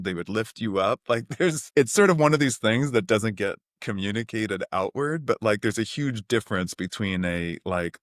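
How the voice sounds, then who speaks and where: A middle-aged New man with a low, deep voice, recalling his youth in a loose, animated way. He leans on fillers and sidetracks, and the recording is close and dry with no room sound. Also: dry recording. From New York City (Queens). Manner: animated, rambling, uses many fillers like "like". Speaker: podcast guest, CEO. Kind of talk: casual storytelling interview.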